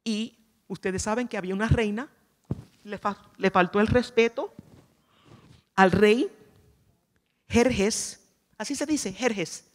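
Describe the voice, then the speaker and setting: A woman's voice: medium pitch, measured pace, long pauses. Woman preaching playfully in a reverberant hall. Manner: chatty and playful, asks the audience questions. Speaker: conference speaker. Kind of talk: sermon. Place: church conference hall. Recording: long reverb of a large hall.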